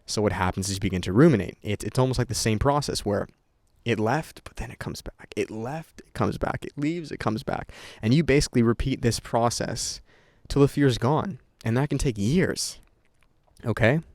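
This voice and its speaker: A young male vlogger talks casually to camera, unscripted, full of rambling, swearing and restarts. His voice is medium-pitched with a darkish tone at normal speed, in a dry, clean studio recording.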